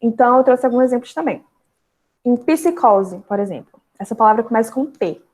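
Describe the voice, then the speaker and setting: A woman's voice: fairly high pitch, expressive, a little mellow. Young Brazilian woman teaching grammar. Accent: Brazilian Portuguese. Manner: explanatory, spells out syllables slowly with frequent fillers. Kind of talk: online grammar lesson.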